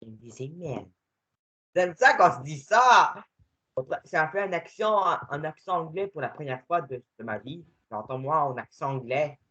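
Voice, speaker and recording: Man, gaming commentary, bouncy voice swinging all over, dull lo-fi sound. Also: on the high side. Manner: excitable, quick swings between muttering and shouting. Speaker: gamer playing with a friend.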